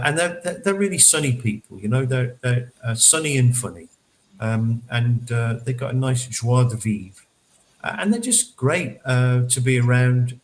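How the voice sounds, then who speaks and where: A man's voice: medium pitch, low-quality recording. Chatty man full of fillers. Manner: chatty, many fillers and repeated words. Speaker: panelist reporting on a local event. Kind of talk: casual chat.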